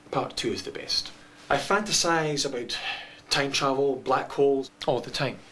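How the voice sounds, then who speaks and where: Wry man, bright voice. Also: mid-range voice, a little hiss or hum. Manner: wry, deadpan and digressive. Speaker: narrator of a short film. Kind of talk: scripted comic monologue.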